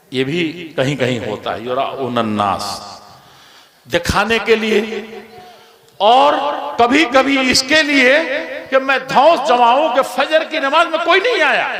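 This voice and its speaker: A man preaching a sermon to a gathering, swinging between loud emphatic lines and quiet low asides. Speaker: Islamic preacher.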